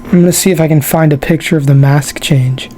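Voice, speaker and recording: A man's voice: on the high side, fairly even intonation, fairly quick, mellow, a little hiss or hum. A young man co-hosting a podcast, chatting casually and arguing his points in friendly banter. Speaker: podcast co-host. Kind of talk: casual chat.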